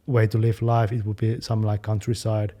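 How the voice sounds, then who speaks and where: A young man chatting casually as a fitness channel co-host, talking quickly and loosely, with many fillers. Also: fairly low pitch, flat delivery, dark tone. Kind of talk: casual chat.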